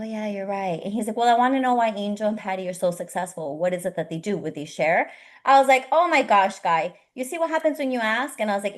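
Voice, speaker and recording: A woman co-hosting a coaching class, telling a story and acting out both sides of a phone talk. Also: mid-range voice. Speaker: co-host of the class. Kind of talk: animated storytelling.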